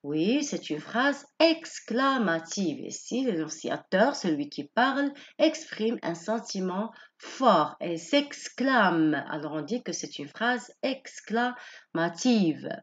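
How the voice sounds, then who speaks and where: Slow, patient woman teaching grammar. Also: medium pitch, big pitch swings, dull audio. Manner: patient, explains slowly with many rephrasings. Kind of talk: French grammar lesson.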